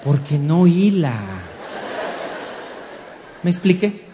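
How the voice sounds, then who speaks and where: High-voiced man joking onstage. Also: slow pace, mellow. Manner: playful, teasing, acts out scenes. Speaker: speaker on couples and marriage. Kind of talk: humorous talk to a live audience. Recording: echoey hall with faint background noise.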